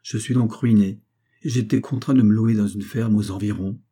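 A poor, lovesick young peasant who speaks gravely and hesitantly, as a male narrator reads him. The voice is low, dark and husky, close to the reader's own. It is a storybook character read aloud. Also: fairly even intonation, normal speed. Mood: earnest. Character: poor, melancholy young peasant man in love. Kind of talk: audiobook character reading.

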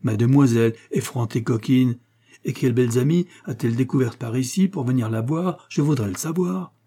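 A man voicing an indignant middle-aged widow who scolds fast and loud in a storybook reading. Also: medium pitch, animated, breathy edge. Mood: scolding.

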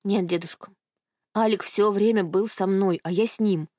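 A woman voicing a desperate teenage girl, pleading and shouting in defense of a friend. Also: mid-range voice, fairly even intonation, moderate pace, dry recording, clean studio sound, natural voice.

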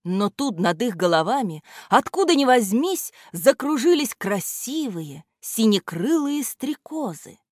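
Slow, lilting woman reading a children's tale. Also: fairly high pitch, no room sound, clean studio sound. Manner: expressive, lilting. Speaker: storyteller.

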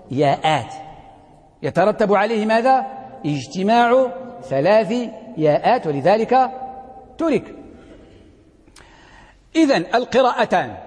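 A man teaching a lecture on Quranic readings as a sheikh, asking the class questions, answering them himself and slowly repeating key words. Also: high-pitched, a little mellow. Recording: long hall reverb.

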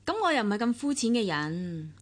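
A woman with a Hong Kong accent performs in a Cantonese radio drama, both monologue and dialogue, playing a weary, proud young wife. Her medium-pitched voice moves briskly with big pitch swings, and her tone is cool, cutting and sarcastic.

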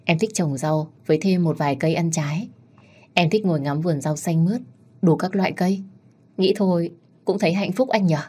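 A woman reading the lines of a cheerful, chatty young wife in a storybook tale, with a husky voice. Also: on the low side, brisk, warm tone. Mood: cheerful eager.

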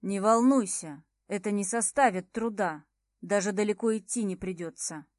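A woman reading the lines of a cold, manipulative adult man who speaks smoothly and evenly with hidden menace, in a slow, unhurried audiobook delivery. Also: mid-range voice, dry recording, studio quality, close to an everyday voice.

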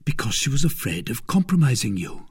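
A resolute young musketeer speaks firmly and urgently, always a step ahead, as a man reading aloud plays him. The voice is husky with an animated swing of pitch. It suits a swashbuckling storybook. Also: fairly quick. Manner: firm, urgent and knowing. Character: bold young male musketeer, quick and resolute.

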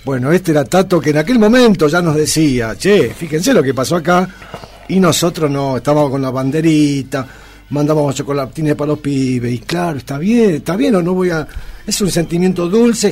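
A man's voice: fairly high pitch, a little mellow. A man with an Argentine accent, hosting a radio show in a chatty, rambling way. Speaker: radio host. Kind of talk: casual radio commentary.

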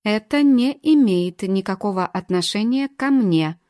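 Audiobook: woman reading a cold, clipped older sister, dark tone. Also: mid-range voice, animated, a little slow, dry recording, studio quality, lightly acted. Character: cold, defensive older sister under questioning.

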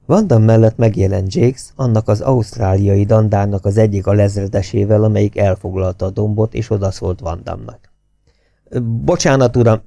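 Low, gravelly male audiobook narrator. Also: dry recording. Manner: steady, expressive reading. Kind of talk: scripted novel narration.

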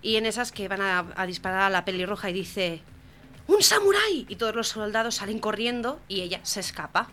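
A woman's voice: medium pitch, brisk, hardly any pauses, slight background noise. A woman co-hosting a radio comedy show, telling jokes and acting out the punchlines. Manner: lively joke-teller who acts out the punchlines. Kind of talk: joke-telling radio banter. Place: radio studio.

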